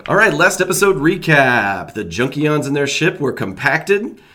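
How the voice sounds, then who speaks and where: Stuffed-up, nasal podcast host. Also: male voice, a little high, big pitch swings, measured pace, sharp tone. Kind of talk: casual chat.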